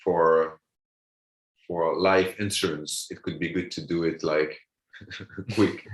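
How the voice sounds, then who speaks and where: This guest comedian from France has a low voice with fairly even intonation and a slow pace. In casual chat he often repeats words while reaching for them, and the recording sounds roomy and echoey.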